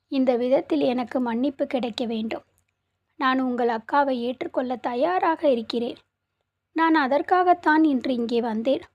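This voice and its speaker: A woman voicing a guilty, remorseful man who pleads for forgiveness, in a steady, formal storybook delivery. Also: high-pitched. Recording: muffled, slightly lo-fi recording.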